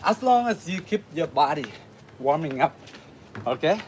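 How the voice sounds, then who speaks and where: A man from Vietnam hosting a martial arts livestream, chatting casually with viewers while he warms up, with lots of uh fillers. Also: on the high side, normal speed, slight background noise. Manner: relaxed, chatty, many uh fillers, laughs often. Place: home in the city.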